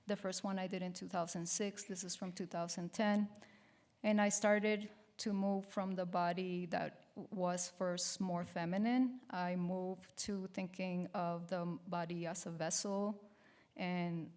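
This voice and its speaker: Colombian-born woman in her 50s giving an art talk, slow, lots of ums, lowish voice. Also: steady tone, darkish tone. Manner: hesitant, many ums and restarts. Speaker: guest artist giving a lecture. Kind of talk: public lecture with slides.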